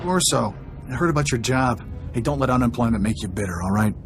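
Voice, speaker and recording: A male actor performs video game cutscene dialogue as a smug, roguish thief in a sci-fi game, glib, sarcastic and mocking. His medium-pitched voice is expressive and fast, close to an everyday voice, with music and noisy ambience in the background.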